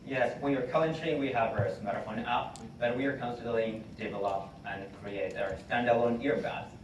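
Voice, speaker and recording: A man's voice: mid-range voice, moderate pace. A male student contestant answering judges with hesitant, broken phrasing. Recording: echoey room, distant, noisy.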